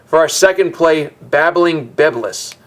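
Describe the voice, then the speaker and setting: A man's voice: a little high, unhurried, close to an everyday voice. A man reading as an alien theater announcer. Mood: announcing. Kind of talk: reading game dialogue aloud.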